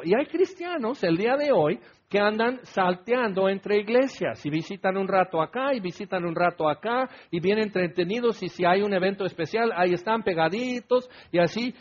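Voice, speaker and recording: A man preaching a sermon, telling stories with bursts of loud acted quotes and a husky voice. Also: sits high, lo-fi sound.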